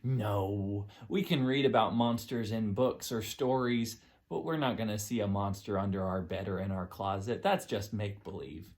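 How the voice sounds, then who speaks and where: A storytime presenter with a kindergarten teacher voice, speaking to toddlers in simple, encouraging questions and drawn-out words. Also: low voice, darkish tone. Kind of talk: children's storytime, teaching, reading aloud and singing.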